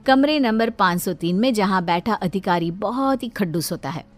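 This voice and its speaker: A woman's voice: medium pitch, expressive, normal speed, faint music behind. A woman narrating a cartoon story with plain storytelling delivery.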